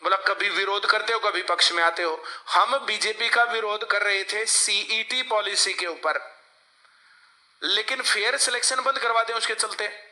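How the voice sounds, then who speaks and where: A man's voice: sits high, unhurried, bright, forceful tone. A male coaching teacher, lecturing a class and often asking the students to answer him. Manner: lecturing, asks class for replies.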